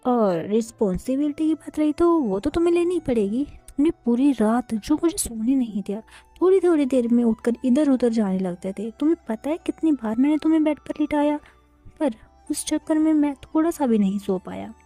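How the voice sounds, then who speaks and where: A woman voicing a lively, teasing young man who sulks easily, talking in a playful, huffy way. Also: sits high, normal speed, dry recording, faint music behind.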